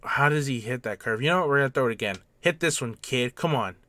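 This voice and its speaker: A man giving let's-play commentary on a baseball video game, getting excited on big plays and taunting his opponent. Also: fast talker, no room sound. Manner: excitable, jumps to loud highs on big plays.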